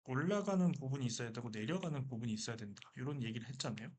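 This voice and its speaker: Man, math teacher, husky voice, lively lecture, asks and answers his own questions. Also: mid-range voice, very fast.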